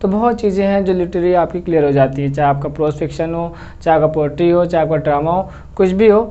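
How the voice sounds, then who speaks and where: A man's voice: fairly high pitch, fast, warm tone. A man teaching a lesson, explaining patiently and repeating words, and he checks that the class follows. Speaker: English teacher. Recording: slightly dull lo-fi recording with faint noise.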